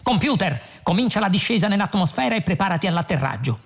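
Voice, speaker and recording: Guy reading doing a high-pitched excitable space adventurer, cocky and loud, gravelly, faint music. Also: fast, exaggerated voice. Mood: excited bluster. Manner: shouting, excitable, overconfident.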